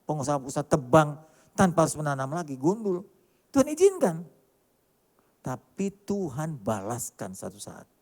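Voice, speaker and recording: Male pastor, emphatic sermon delivery, rhetorical questions, slightly high voice, long church-hall reverb. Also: very animated, normal speed, long pauses. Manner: emphatic, rhetorical questions, swings between loud and quiet.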